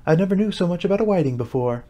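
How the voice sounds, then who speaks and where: A polite young girl from a storybook, voiced by a man. Pitched up and wondering, she sounds curious and slightly timid. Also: animated, racing, dark tone. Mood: polite, interested. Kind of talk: storybook character voice.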